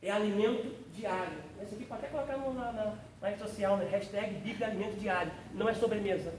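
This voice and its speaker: A fast-talking man with a high-pitched voice, a pastor leading a theology class in a church classroom. He preaches fervently and exclamatorily, calling on listeners by name. The recording is roomy, with a distant mic and faint noise.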